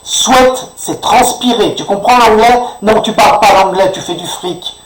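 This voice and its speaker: In an echoey room, well away from the mic, a commentator launches into a sarcastic, indignant political rant, frequently ending sentences with a questioning "hein". He speaks at a moderate pace in a high voice.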